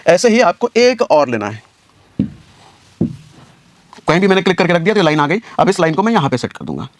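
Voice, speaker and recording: A man's voice: sits high, very animated, brisk. A man giving a casual screen-share trading lesson, explaining each step and repeating his points with rhetorical questions. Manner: casual, calls viewers brother. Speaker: trading teacher.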